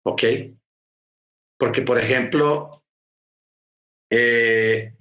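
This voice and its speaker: Male preacher, middle pitch, teaching tone with repeated phrases, reverberant room. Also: fairly even intonation, very slow, bright, forceful tone, muffled recording. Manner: explanatory, repeats phrases for emphasis. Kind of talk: sermon teaching.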